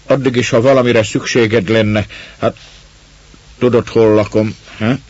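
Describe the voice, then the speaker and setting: A man voicing a gruff, dark-faced, mustached peasant who speaks hoarsely and awkwardly. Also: medium pitch, fairly even intonation, no room sound, dull audio, pitched above the performer's own voice, lightly acted. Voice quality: hoarse, grumbling. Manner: awkward, halting, mumbled.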